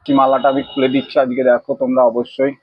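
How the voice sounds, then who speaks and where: Priest guy telling devotees where to put offerings, quick and bossy, muffled lo-fi sound. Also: medium pitch, completely flat delivery, breathy edge. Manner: directs devotees briskly, then chants prayers. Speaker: temple priest. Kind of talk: live devotional worship vlog.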